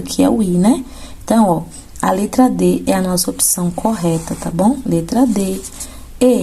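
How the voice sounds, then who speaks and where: Gravelly-voiced woman teaching grammar. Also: mid-range voice, dark tone. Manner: explanatory, checks in with "tá bom?" and "ó". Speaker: Portuguese teacher. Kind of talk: exam-prep lesson going through questions.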